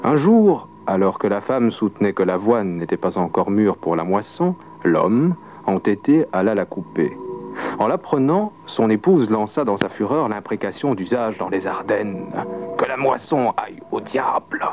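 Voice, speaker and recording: A man reading a legend aloud in an expressive storytelling style. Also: fairly low pitch, moderate pace, faint music behind. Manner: expressive, with wide swings of voice. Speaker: reader of a legend. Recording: muffled lo-fi radio recording.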